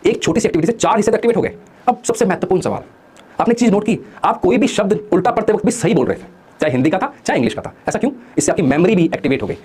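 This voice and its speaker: A man's voice: high-pitched, expressive, very fast, darkish tone, slightly rough. A man giving a motivational study talk to exam students, firing rhetorical questions and answering them himself, coaxing listeners to join in. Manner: coaxes listeners to join in and comment.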